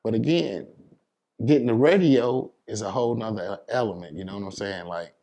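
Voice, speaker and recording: With a mellow voice on the low side, a New York City DJ speaks at a normal speed. He's giving emphatic advice in a casual interview, using informal, slangy talk.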